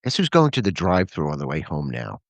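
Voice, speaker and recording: A man co-hosting a podcast, chiming in with quick quips and easy laughter in casual chat. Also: rumbling low, wildly swooping pitch, gravelly, no echo. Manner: chimes in with quips, laughs easily. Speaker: podcast co-host.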